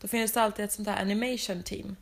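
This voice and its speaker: A young woman telling lively travel stories in casual chat, mixing in English phrases and laughing often. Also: medium pitch.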